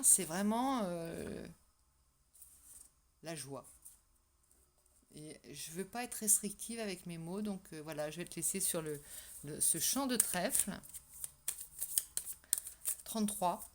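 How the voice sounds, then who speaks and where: A woman's voice: on the low side, lively intonation, slow, pauses often, a little hiss or hum. A woman doing a casual tarot reading for her viewers, chatty and hesitant with many fillers and restarts. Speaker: tarot reader. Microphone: microphone that keeps falling.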